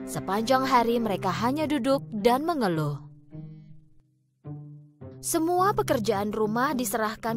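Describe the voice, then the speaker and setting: A cartoon fairy tale is told by a woman whose voice is fairly high in pitch, narrating expressively as a storyteller while music plays in the background.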